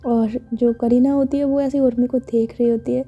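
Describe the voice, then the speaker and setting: A woman's voice: fairly high pitch, flat delivery, normal speed, mellow, husky, dull audio, soft background music. A woman telling a love story in a casual, chatty way, full of fillers. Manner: chatty, filler-heavy narration.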